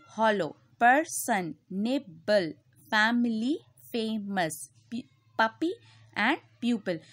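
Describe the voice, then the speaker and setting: A female school teacher with a Pakistani English accent, walking pupils slowly through textbook exercises and repeating each answer. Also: on the high side, no room sound. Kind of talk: recorded classroom lecture.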